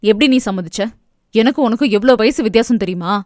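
Woman doing a gruff angry husband, lowered voice, shouting, close dry sound, storybook reading. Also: quick pace, no echo, lightly acted. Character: angry grieving husband, adult man.

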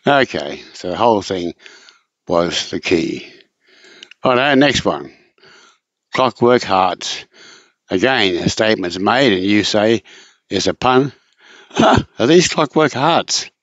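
A man's voice: lowish voice, animated, a bit bright, no room sound. A man tutoring in a casual spoken lesson, patient and repetitive, often circling back over points in a dull, lo-fi recording. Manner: patient, repetitive, drawn-out explaining.

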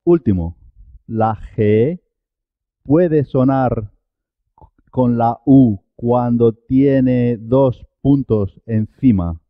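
A man gives a Spanish pronunciation lesson at a very slow pace, spelling out sounds and repeating every example word with deliberate care. His voice sits at a middle pitch. The recording is dry and a little dull, like a lo-fi home setup. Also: no echo. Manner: slow, repeats example words with careful articulation. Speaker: Spanish teacher.

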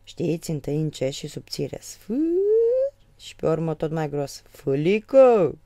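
A woman voicing an easygoing village man with many children, calling out in drawn-out teasing cries. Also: low voice, level tone, warm tone, no echo.

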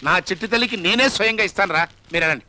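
A man's voice: sits high, rapid-fire, bright, forceful tone. An actor playing a doting rich father who fusses over his daughter and gives in to her in a film comedy. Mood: businesslike. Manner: fond, fussing, then giving in. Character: doting rich father, fussy about fashion.

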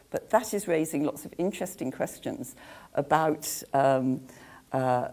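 Older woman panelist, dark mellow tone, hesitant delivery full of restarts. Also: deep voice, gravelly. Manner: hesitant, many restarts, gesturing. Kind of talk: panel discussion. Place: large room with a seated audience.

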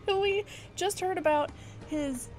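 A woman's voice: very high-pitched, takes it slowly, a little mellow. A woman co-hosting a couch co-op game playthrough, laughing often as she explains the quests in detail. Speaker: let's play co-host. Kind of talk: casual gameplay chat. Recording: game music playing behind.

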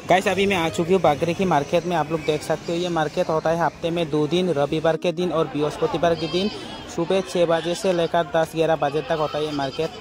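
A man's voice: fairly high pitch, steady tone, a little fast, over music, a crowd in the background. A young man chatting to his viewers while vlogging through an outdoor market, talking into a phone held at arm's length. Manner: chatty, addresses viewers as guys, asks prices. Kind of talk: casual market vlog narration.

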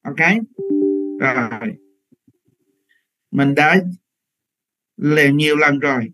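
A man's voice: medium pitch, steady tone, extremely slow, over music, poor audio. A man teaching English pronunciation in a live online class, repeating words patiently and correcting learners over a computer microphone.

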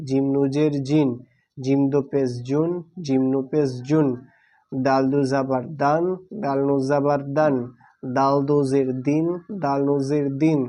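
A man teaching Quran reading with a Bangladeshi Bengali accent, spelling out letters and vowel marks syllable by syllable in a slow, deliberate lesson. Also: medium pitch, flat delivery, warm tone. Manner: slow, drawn-out, deliberate delivery.

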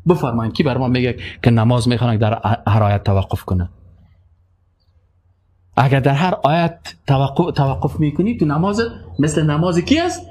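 A man's voice: medium pitch, a little mellow. A man preaching a sermon, emphatic, asking rhetorical questions and reciting verses.

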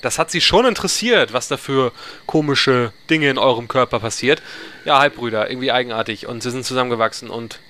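A man's voice: mid-range voice, brisk, pushed and bright. A man giving casual, chatty gameplay commentary in a playful, ironic way. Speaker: let's player.

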